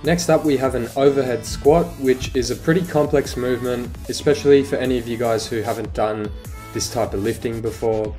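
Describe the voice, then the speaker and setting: A man's voice: mid-range voice, brisk, soft background music. Young man coaching a home workout. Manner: relaxed, casual coaching with fillers. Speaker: fitness coach. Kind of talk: instructional voice-over. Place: living room home gym. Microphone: voice-over, recorded separately.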